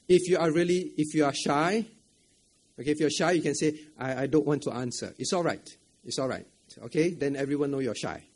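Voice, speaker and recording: A man with a breathy, somewhat high voice leads an interactive sermon in a church camp meeting room. He questions the audience, repeats phrases and keeps adding "right?". Between points he often chuckles.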